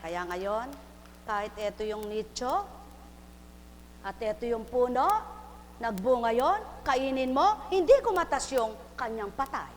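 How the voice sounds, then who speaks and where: A woman preaching a live sermon, fervent and full of refrains, moving from soft confession to loud exhortation. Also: fairly high pitch, expressive, measured pace. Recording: hall reverb, faint hum.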